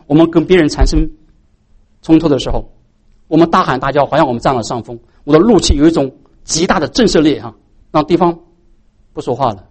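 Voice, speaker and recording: A man's voice: fairly high pitch, darkish tone. A man preaching a sermon as pastor, posing rhetorical questions to the congregation.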